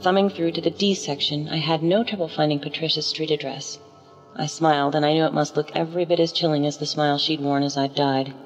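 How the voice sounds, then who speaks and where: A woman giving steady first-person narration of a dark radio-play story, with a menacing edge. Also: low voice, brisk. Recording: slightly muffled, with faint music underneath.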